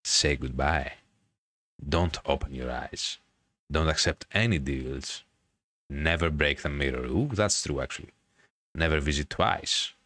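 A man hosts a gaming video, reading a visual novel aloud in a dramatic, drawn-out storyteller's style and adding casual commentary. His voice is low and rumbling yet fairly bright, with no room sound audible.

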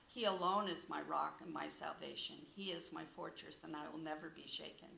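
A woman's voice: low voice, steady tone, a little fast, gravelly, pushed and bright, slight background noise. A middle-aged woman sharing an earnest personal testimony at a church podium, telling a story and quoting scripture. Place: small wood-paneled church sanctuary, indoors. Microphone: podium microphone. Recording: roomy church echo.

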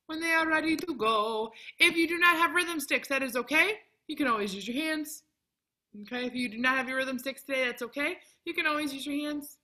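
A woman, around her thirties, leads a children's music lesson in an animated, encouraging, sing-song kindergarten teacher voice, recorded in a classroom on a computer mic. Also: sits high, brisk. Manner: animated, exaggerated clear delivery for children. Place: empty classroom. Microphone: computer mic at arm's length, video call.

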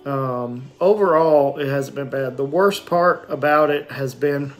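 Halting middle-aged man, sore after surgery. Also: mid-range voice, faint music behind. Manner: halting, matter-of-fact, frequent pauses and throat clearing. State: sore throat, swollen numb lip and jaw after surgery. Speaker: vlogger giving a post-surgery recovery update. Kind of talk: casual unscripted video diary. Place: small indoor room at home with shelves. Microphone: phone or webcam at arm's length.

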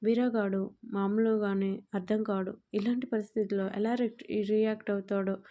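A woman's voice: mid-range voice, little pitch movement, moderate pace, warm tone, lightly acted. A woman reading the part of a teasing, good-natured male driver in an audio story. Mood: amused.

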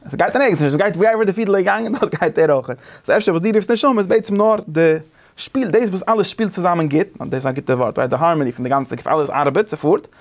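Male teacher giving a casual study lesson. He talks quickly in a gravelly voice, animated and thinking aloud, often restarting his sentences. His voice sits somewhat high for a man.

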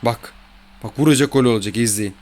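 A man's voice: mid-range voice, brisk, a little mellow, a little hiss or hum. A man giving casual commentary over his own football video game match, grumbling and exasperated about his mistakes and bad luck. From Turkey. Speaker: gaming YouTuber.

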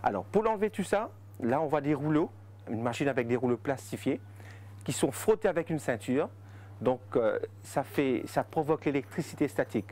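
Man explaining tea-making, with halting fillers. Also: medium pitch, lively intonation, darkish tone. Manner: halting, with frequent fillers and restarts. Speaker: tea estate guide. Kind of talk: explanatory interview answers. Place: outdoors in tea fields and inside a factory.

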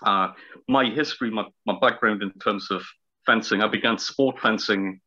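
With a fairly low pitch, normal speed and a sharp tone, a man around fifty from Northumberland, north-east England, hesitantly explains things while hunting for the right words. His accent is heavy, with long vowels. He's a historical fencing teacher appearing as an interview guest over video call from a small room at home, recorded at webcam distance with slightly dull sound.

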